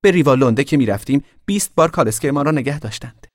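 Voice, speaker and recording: A man's voice: medium pitch, expressive, darkish tone, no echo, clean studio sound, pitched above the performer's own voice, natural voice. Man putting on a haughty teasing noble girl. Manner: mocking, imperious.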